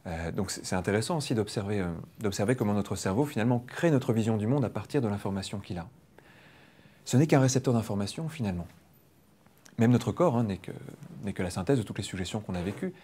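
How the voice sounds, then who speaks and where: A man leading a public hypnosis demonstration, explaining quickly and playfully to a live audience. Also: lowish voice, expressive, dark tone, husky. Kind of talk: lively teaching talk to a live audience. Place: training room with an audience.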